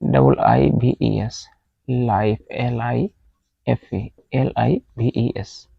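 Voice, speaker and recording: A man's voice: mid-range voice, steady tone, takes it slowly, creaky, breathy edge, dry recording. A man teaching a grammar lesson, spelling words letter by letter and asking questions he then answers himself. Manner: asks the class questions, then answers them. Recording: dull lo-fi dry recording.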